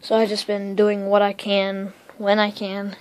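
A woman giving a casual, rambling tour of her home electronics workshop, talking quickly and interrupting herself as she films with a handheld phone. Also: medium pitch, completely flat delivery. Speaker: electronics hobbyist vlogger. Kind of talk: casual unscripted shop tour. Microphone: handheld phone camera.

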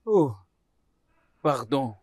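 A man's voice: medium pitch, big pitch swings, a little mellow, husky, heavily acted. A man dubbing a frantic, pleading young husband. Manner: pleading, repeats soothing words fast. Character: frantic young husband soothing his sobbing wife. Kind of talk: dubbed film acting.

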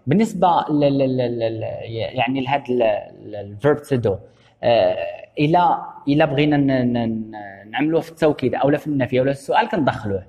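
Fast-talking Moroccan man teaching English. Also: mid-range voice, darkish tone, long reverb tail. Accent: Moroccan Arabic. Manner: explains in Moroccan Arabic, reading English examples slowly and repeating "okay?". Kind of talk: classroom grammar lesson.

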